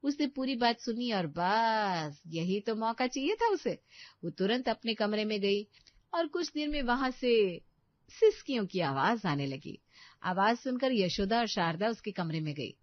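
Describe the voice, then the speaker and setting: A woman's voice: medium pitch, expressive, measured pace, no room sound. Woman narrating a cartoon story, dry. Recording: dull, dry, slightly lo-fi recording.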